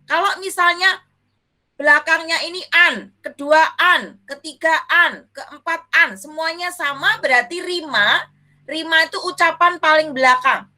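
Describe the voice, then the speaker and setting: A woman's voice: very high voice, measured pace, bright, forceful tone. A young woman teacher, teaching a children's class, affectionate and calling her pupils dear, asking questions and answering them herself. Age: young adult.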